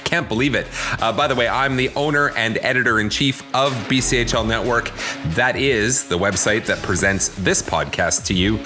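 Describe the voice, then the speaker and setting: A man hosting a podcast interview, asking questions in an upbeat, lively way. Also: mid-range voice, moderate pace, over music. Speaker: podcast host.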